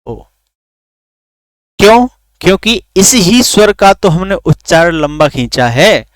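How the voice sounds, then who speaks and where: मुलायम साफ़ आवाज़ में पढ़ाता आदमी. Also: male voice, sits high, sing-song, takes it slowly, dry recording, studio quality. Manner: asks questions then answers them himself; drags out vowels to demonstrate. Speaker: teacher. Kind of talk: recorded online lesson.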